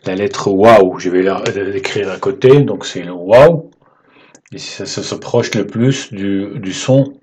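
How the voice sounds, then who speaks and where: A man teaching the alphabet in French, patient and halting, often checking in with "ok?" as he writes. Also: medium pitch, darkish tone. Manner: slow, halting delivery with fillers. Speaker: Arabic teacher. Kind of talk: whiteboard lesson explaining letters.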